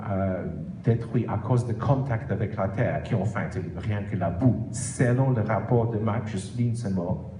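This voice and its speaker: A man speaks non-native French with a clear foreign accent, slowly and haltingly, as he presents his analysis. His voice is mellow and of middling pitch, with emphatic stresses and self-corrections. The recording is roomy and echoey, with faint noise behind him. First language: not French. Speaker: author presenting own book. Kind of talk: prepared explanatory presentation.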